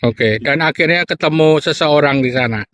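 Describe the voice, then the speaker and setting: A man's voice: a little high, moderate pace, fairly bright tone. A middle-aged man hosts a casual on-location interview, echoing answers and prompting with short questions. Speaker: host.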